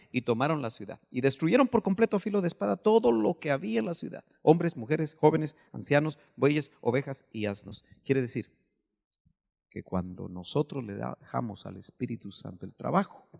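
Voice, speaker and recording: Guatemalan pastor preaching with sudden shouts. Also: male voice, a little high, gravelly, in a large hall. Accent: Guatemalan Spanish. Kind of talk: sermon.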